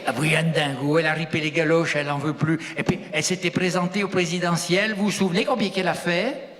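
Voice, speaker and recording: A man's voice: a little high, level tone, fast, fairly bright tone. A man with a rural French accent doing live stand-up comedy, teasing the audience with rustic banter. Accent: regional rural French. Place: live show hall. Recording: long reverb of a live hall.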